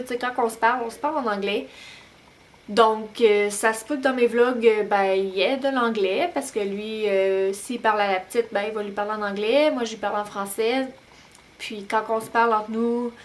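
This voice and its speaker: A young woman with a Québécois French accent talking casually to camera at home as a new-mom vlogger, relaxed and full of hesitant pauses. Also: a little high. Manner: chatty, many "euh" pauses, relaxed. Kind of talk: casual vlog talk to camera. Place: home, bedroom at night.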